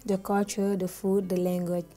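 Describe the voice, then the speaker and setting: Senegalese woman with a mellow voice. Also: medium pitch, level tone, moderate pace, faint music behind. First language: Wolof or other Senegalese language. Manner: plain, simple sentences, non-native grammar. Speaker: guest. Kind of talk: casual interview.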